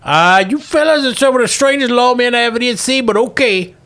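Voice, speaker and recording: A man's voice: very high-pitched, brisk, bright, forceful tone, voice pushed up. A man voicing a frightened, evasive old miner in a folksy old prospector drawl for a tabletop game. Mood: reluctant, folksy.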